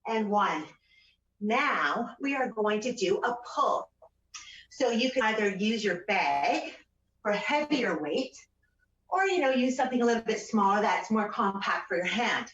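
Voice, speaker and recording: A woman leading a home workout as a fitness instructor, counting out repetitions and giving short, encouraging, energetic cues. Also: mid-range voice, unhurried. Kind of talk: exercise class instruction with counting aloud. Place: indoors at home, room with a couch. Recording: roomy, distant, dull home-video sound.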